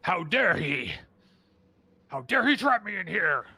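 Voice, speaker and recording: A man's voice: high-pitched, very animated, measured pace, vocal fry, sharp tone, slightly rough, no echo, voice pushed up, exaggerated voice. A man voicing a hulking, gorilla-like male wizard who is trapped, angry and pleading for help. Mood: indignant.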